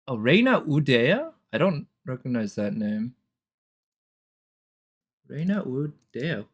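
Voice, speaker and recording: With game trailer music running underneath, a woman streamer offers off-the-cuff reactions, guessing and musing aloud as thoughts come. Her pitch is extremely low with big swings, and she speaks slowly in a slightly rough voice.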